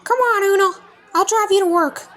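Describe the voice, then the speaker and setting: A woman voicing a caring cartoon mouse uncle with a gentle, reassuring manner. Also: extremely high pitch, moderate pace. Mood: upbeat, helpful.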